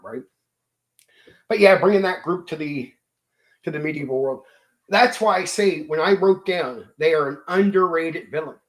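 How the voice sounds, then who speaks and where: A man hosting his channel, casually recounting a tabletop game session, swearing freely and acting out quotes and sound effects. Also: fairly high pitch. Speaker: channel host.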